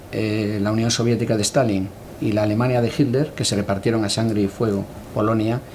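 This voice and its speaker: A middle-aged man from Galicia answers interview questions in a calm, reflective way. His pitch sits in an ordinary middle range, and he often pauses on hesitant fillers as he gathers his thoughts. A faint hiss of background noise sits under his voice. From Galicia, Spain. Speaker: interview guest, cultural editor.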